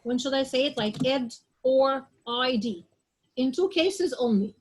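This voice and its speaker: A woman with a high voice leads an English pronunciation lesson. She talks slowly and patiently, repeating each example word several times and stopping often to ask if the class understands. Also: low-quality recording. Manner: drills word sounds aloud one at a time. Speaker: English teacher.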